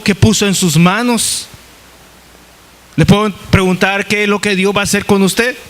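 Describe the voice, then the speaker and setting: A male pastor giving a casual, folksy Bible-study sermon. He keeps turning to his listeners as "brother" and stumbles through restarts and fillers. His pitch jumps up high and drops back low as he tells his story. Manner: lively pitch swings, rising high in places.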